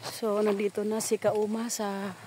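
A woman's voice: mid-range voice, completely flat delivery, unhurried. A woman vlogger chatting casually with her viewers as she walks around a dry farm. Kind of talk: casual vlog commentary. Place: outdoors on a dry rural farm. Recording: loud outdoor background noise.

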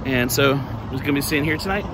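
A man in his thirties from southern California narrates a casual travel vlog, rambling fast with lots of fillers in a mid-range voice. Background noise is audible, and he films on a handheld camera at arm's length, moving between outdoors, a hotel room, and a parked van.

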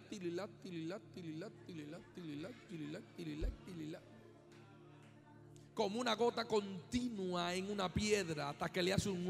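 A man from Colombia preaching a sermon as pastor, swinging from hushed asides to shouted, sung-out climaxes. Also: very high-pitched, creaky, big-room sound.

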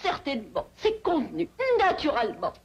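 A woman's voice: high voice, very animated, brisk. An actress with a rural Southern American accent playing an artless, eager young backwoods woman in a 1960s sitcom. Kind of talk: 1960s television sitcom acting. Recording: noisy old television soundtrack.

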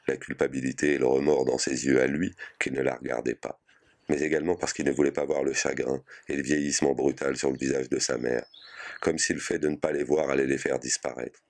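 Brief: male narrator, extremely low voice, measured audiobook reading. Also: fairly even intonation. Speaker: reader. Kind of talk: audiobook reading of a short story.

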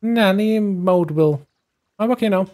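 A man voicing an eager, newly hired woman nanny, chirpy and keen to please, pitched well above his own voice. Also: moderate pace, a little mellow, lightly acted.

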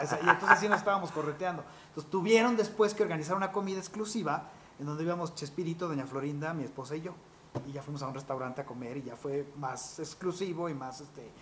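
A man, a voice actor telling stories from his career in an interview, animated and peppered with fillers. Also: fairly high pitch, a little hiss or hum. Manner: animated, quick anecdotal storytelling with fillers like "este". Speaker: voice actor guest. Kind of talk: interview storytelling.

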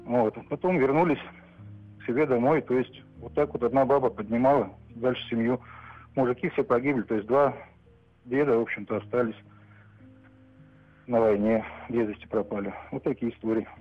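A man's voice: mid-range voice, fairly even intonation, fairly quick. A man calls in to a radio program and tells a family story plainly. His voice is thin and phone-like, with faint music underneath. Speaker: radio caller. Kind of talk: phone-in recollection. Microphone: telephone. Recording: phone line with music behind.

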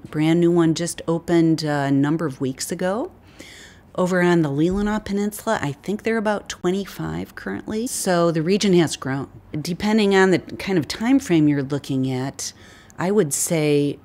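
A woman in her fifties with a notably low voice talks through her winery's wines in a seated interview. She speaks in a relaxed, conversational way, with easy pauses and fillers. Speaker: winery wine specialist. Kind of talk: sit-down interview answers. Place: indoor winery tasting room.

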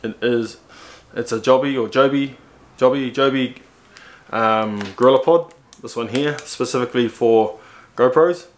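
Speaking a little slowly, this New Zealand-accented man in his forties, a motorcycle vlogger, talks loosely to the camera about his gear from a room in his house. He says things more than once, and his pitch jumps when he holds items up. Sound comes through a shotgun mic mounted on the camera.

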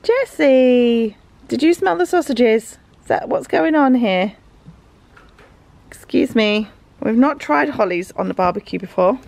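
Her voice sits a little high, gravelly and a little mellow, expressive and unhurried. An English-accented family vlogger in her thirties, she chats affectionately with her kids through the house and garden, recorded on a camera microphone with noisy handheld audio.

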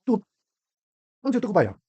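A middle-aged man with a Gyeongsang accent chats through a home cooking vlog, exclaiming to his viewers and laughing often. His voice sits a little high and swings widely in pitch. The recording is dull, lo-fi and dry. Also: huge pitch swings, normal speed, dark tone, husky, no echo. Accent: Gyeongsang Korean. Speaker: cooking channel host. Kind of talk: casual cooking vlog chat.

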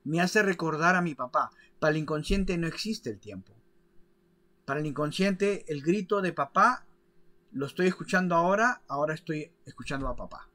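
Brief: male teacher, slightly higher voice, patient explainer, keeps asking "ok?". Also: moderate pace, bright, forceful tone. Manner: didactic, checks in with frequent "¿ok?" and "¿de acuerdo?"; demonstrates with his hands while explaining. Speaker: biodecoding teacher. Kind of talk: explanatory video lesson.

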